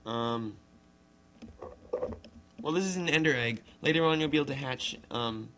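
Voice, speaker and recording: A man narrates a gaming video at a medium pitch and moderate pace, mixing casual commentary with amateur read-aloud narration. He reads loosely and informally, stumbling and ad-libbing as he goes. Guitar and piano music plays behind him amid background noise.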